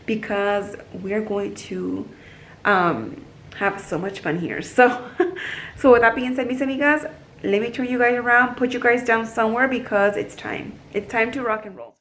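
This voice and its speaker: Excited bilingual young woman vlogging at home. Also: fairly high pitch, unhurried, slight background noise. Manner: excited, chatty, sprinkles Spanish phrases. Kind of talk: casual chat to camera. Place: at home, in her kitchen. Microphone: phone camera.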